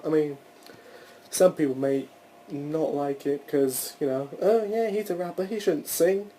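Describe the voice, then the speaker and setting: Rambling young man with a mellow voice. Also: fairly high pitch, a little hiss or hum, poor audio. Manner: rambling, swears, restarts often. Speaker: podcast host. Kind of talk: casual solo podcast chat.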